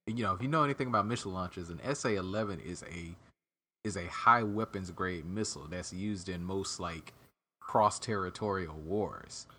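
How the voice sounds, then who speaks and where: A man's voice: sits low, normal speed, sharp tone. A man hosting a podcast in casual chat, steering topics and explaining eagerly. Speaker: podcast host.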